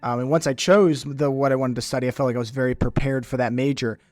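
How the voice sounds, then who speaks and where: Flat-toned man giving hesitant advice. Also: mid-range voice, dry recording. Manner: halting, many fillers and restarts. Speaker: college admissions counselor. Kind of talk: casual panel advice.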